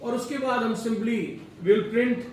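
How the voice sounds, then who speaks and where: A man with a very high-pitched, steady voice teaches a programming class slowly, mixing Hindi and English and quizzing his students as he goes. He is far from the mic in a very echoey classroom, with faint ambience and slight background noise.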